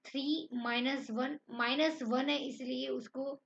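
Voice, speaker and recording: A woman gives an online math lesson, talking students through each step in an encouraging way. Her voice sits high and she moves slowly. The recording is slightly dull and lo-fi. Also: steady tone, gravelly, slight background noise. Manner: encouraging, addresses students as friends. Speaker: math teacher.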